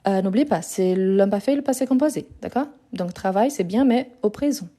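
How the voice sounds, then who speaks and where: Woman, language teacher, live lesson, phone mic, mellow tone, patient, repetitive explanations. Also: mid-range voice, brisk. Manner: explains patiently, repeats and self-corrects. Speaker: French teacher. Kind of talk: live online grammar lesson.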